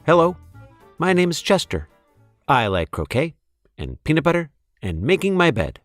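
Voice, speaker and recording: A man's voice: on the high side, wildly swooping pitch, moderate pace, dry recording, soft background music, pitched above the performer's own voice. A man voicing an earnest, particular young male mouse from a children's storybook. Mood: proud. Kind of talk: children's storybook character reading.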